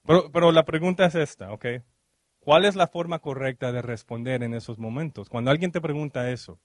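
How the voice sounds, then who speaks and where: Guy preaching at church, keeps going "ok?" and drops english words in, dry sound, mid pitch. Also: dry recording. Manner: peppers speech with quick "ok?" checks and questions to the congregation; mixes English fillers into Spanish. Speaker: minister. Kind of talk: sermon. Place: church service.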